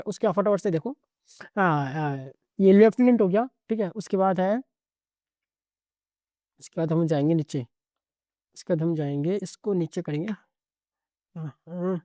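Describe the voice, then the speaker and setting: Man rattling off spelling tips, mellow and dry. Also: sits high, no room sound. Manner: rattles through word lists, peppering every line with 'okay'. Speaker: exam-prep English teacher. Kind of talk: casual spoken lesson.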